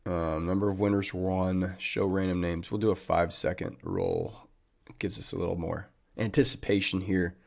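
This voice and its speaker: A man's voice: low-pitched, animated, moderate pace, creaky. A man hosting a trading livestream, chatting casually and upbeat with viewers and calling them man and buddy.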